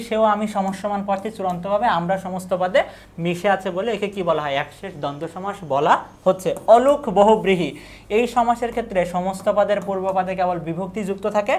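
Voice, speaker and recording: A woman's voice: medium pitch, brisk, darkish tone. Woman teacher talking through exam answers. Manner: asks questions and answers them herself; repeats key words and lists. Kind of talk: exam-prep lecture.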